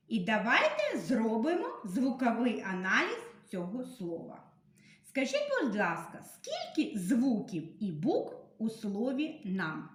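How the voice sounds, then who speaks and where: A woman teacher leading a literacy lesson for young children, dictating slowly and patiently and stressing each sound. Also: mid-range voice. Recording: echoey room.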